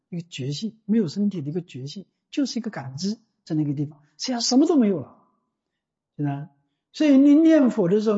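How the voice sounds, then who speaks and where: A Buddhist teacher giving a slow, deliberate dharma talk, often pausing to ask the listeners whether they follow. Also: medium pitch, mellow. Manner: slow and deliberate, often asking "you know?". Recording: dull lo-fi recording.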